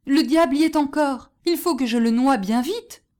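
A woman voicing a cunning poor peasant who tricks others with calm, sly talk. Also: on the high side, normal speed, natural voice.

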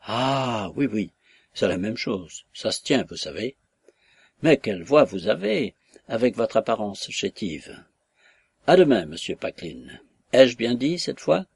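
A man's voice: fairly low pitch, big pitch swings, unhurried, vocal fry, darkish tone, slightly rough, no room sound, full character voice. A man voicing an elegant, self-important statesman who gives orders and talks down to his guests, in a read-aloud novel. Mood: condescending. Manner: commanding, pompous, condescending.

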